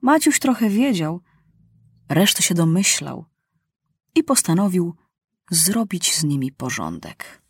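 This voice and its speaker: Woman, storybook narrator, expressive reading, husky voice, dry recording. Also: on the low side, takes it slowly, long pauses, no room sound.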